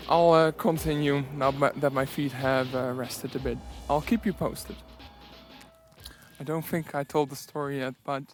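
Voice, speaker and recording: A man telling anecdotes in a casual, rambling, self-deprecating audio diary while out on a walking trip. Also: on the high side. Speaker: travel vlogger on a solo walking trip.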